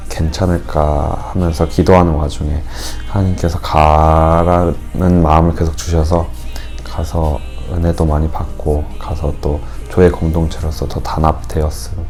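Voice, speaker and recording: A young man in his twenties answers interview questions in a very low voice. His tone is dark and mellow. His words come out earnest and formal. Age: 20s. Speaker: student interviewee.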